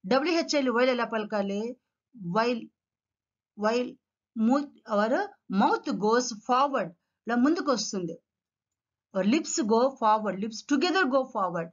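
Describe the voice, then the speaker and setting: A woman teaching English pronunciation to children, who speaks in a Telugu accent, slowly repeats each word several times and mixes Telugu with English. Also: on the high side, lively intonation, highs cut off. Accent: Indian English, Telugu. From India. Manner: mixes Telugu and English, calls pupils "amma".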